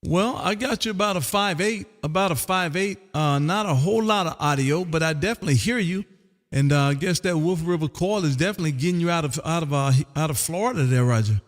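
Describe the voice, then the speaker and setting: Lively intonation marks this fairly high male voice. He's a Texan hosting an amateur radio stream at home, calling contacts and chatting in a folksy, showman-like way, drawing out call signs and tossing in "man" often. His radio room sounds like a hall, with long reverb.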